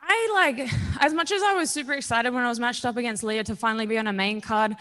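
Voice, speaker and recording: Australian woman, 20s, fighter at post-fight presser; slightly high, confident, candid. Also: quick pace, a bit bright. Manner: confident, candid, casual with frequent ums. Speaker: professional MMA fighter.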